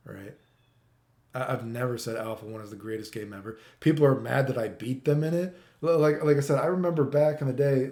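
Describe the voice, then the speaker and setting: A middle-aged Canadian gaming commentator with a warm, medium-pitched voice goes on an off-the-cuff, opinionated rant, exasperated and emphatic, full of repetition, rhetorical questions and swearing. The sound is echoey and roomy.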